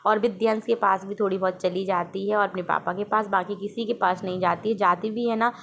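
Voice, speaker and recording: A woman's voice: mid-range voice, fairly even intonation, brisk, gravelly, fairly bright tone, a little hiss or hum. A woman and mother narrating her family's day in a casual, chatty vlog voice-over. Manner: chatty, storytelling about family life.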